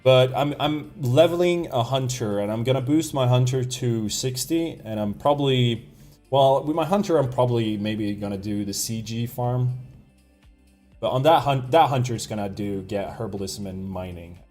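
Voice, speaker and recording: A young man talks casually through a live game stream, drifting between topics and often catching and fixing his own words. His voice sits in an ordinary middle pitch, with some soft music playing behind him. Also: moderate pace. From Sweden. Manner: rambling, self-correcting, chuckles often. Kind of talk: casual live-stream chat while gaming.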